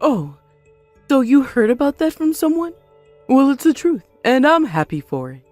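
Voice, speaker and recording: Female relative for story drama, fairly high, mellow, expressive and probing played by a woman, dry close sound. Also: moderate pace, no echo, faint music behind. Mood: pleased. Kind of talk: scripted audio story dialogue.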